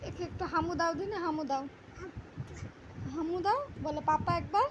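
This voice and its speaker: A woman coaxing and teasing a baby in a high singsong voice at home. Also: normal speed, noisy background. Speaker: parent talking to a baby. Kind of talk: baby talk.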